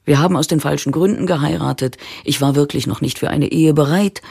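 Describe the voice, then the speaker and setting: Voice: medium pitch, a little fast, creaky, a little mellow, slightly rough, no room sound, clean studio sound. A narrator reading a blunt, frustrated man in his late thirties. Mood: resentful.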